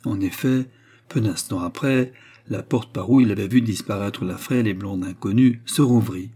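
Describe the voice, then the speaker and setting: A man narrating a classic novel as an audiobook, in a calm, measured, literary manner. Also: fairly low pitch, husky.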